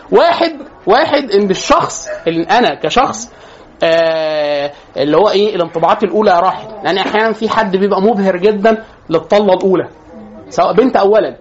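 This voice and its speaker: A man with an Egyptian Arabic accent gives a class an informal psychology lecture, chatty and joking, often restarting his phrases. His voice is high and the audio sounds dull.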